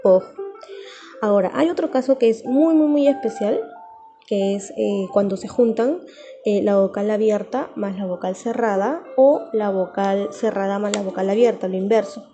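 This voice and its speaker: A woman teaches a recorded grammar lesson in a deep, mellow voice. She speaks patiently, stopping to repeat key terms slowly, with faint music playing underneath.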